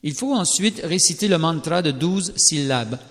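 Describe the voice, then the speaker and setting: A man giving a measured, solemn scripted reading of a scripture text. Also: on the high side, animated, a bit bright. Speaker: scripture reader. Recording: long reverberant hall sound.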